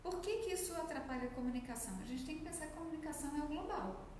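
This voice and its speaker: This is a speech therapist from Minas Gerais, Brazil, guesting on an interview and explaining her work didactically in Minas Gerais Brazilian Portuguese, acting out quoted remarks. Her voice is high, animated and darkish, and she talks at a racing clip. The room is very echoey with faint noise.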